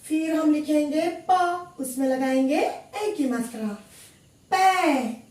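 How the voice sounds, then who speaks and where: Slow, echoey woman teacher. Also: sits high, mellow, distant mic. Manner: repeats each word slowly and clearly. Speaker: Hindi teacher. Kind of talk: slow classroom lesson, spelling out sounds. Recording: echoey room, voice from afar.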